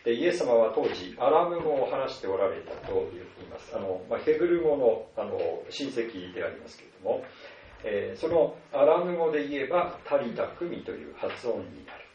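A male pastor preaching a sermon at a measured pace, with many soft filler words between phrases. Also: mid-range voice, big pitch swings, slight background noise. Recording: distant, roomy, dull lo-fi sound.

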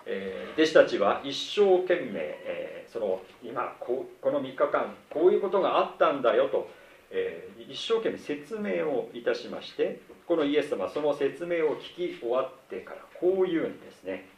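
A middle-aged man preaches a sermon in an easy, conversational way, measured and lively in pitch as he acts out quoted lines. He sounds roomy and set back from the mic in a church hall, with faint ambience behind him. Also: far from the mic. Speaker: pastor.

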